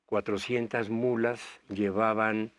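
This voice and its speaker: A man's voice: lowish voice, level tone, slow pace. An older man from Bolivia, a guest actor, telling long anecdotes in a rambling way with many fillers. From Bolivia, raised touring South America. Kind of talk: storytelling interview answers.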